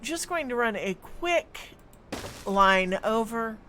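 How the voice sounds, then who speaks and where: A woman's voice: a little high, lively intonation, slow, a bit bright, a little hiss or hum. A woman streaming a city-building game, thinking aloud as she plays, with plenty of hums and ums. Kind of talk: live gameplay commentary.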